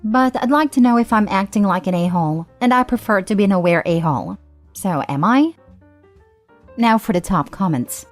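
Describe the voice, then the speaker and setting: A woman giving a steady, even scripted narration of a forum post. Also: medium pitch, normal speed, soft background music. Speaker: story narrator.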